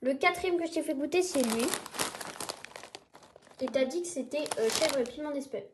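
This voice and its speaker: High voiced woman just chatting on a homemade snack taste test vid, bit of noise and crinkly bags. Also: normal speed. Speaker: taste-test video presenter.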